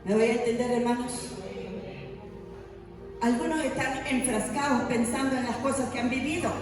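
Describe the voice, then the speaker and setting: A woman's voice: fairly high pitch, fairly even intonation, normal speed. A woman delivering a sermon from a distance in a big reverberant church hall, with a faint hiss underneath. She tells stories, voices the people in them and asks the congregation questions. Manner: storytelling, acting out quoted voices, rhetorical questions. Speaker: preacher. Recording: echoey hall, voice from afar, faint noise.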